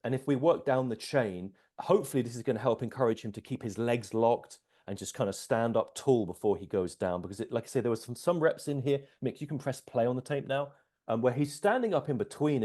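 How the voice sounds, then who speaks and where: A man giving casual coaching commentary, explaining in a measured way and checking for agreement. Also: mid-range voice, warm tone. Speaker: strength coach, host.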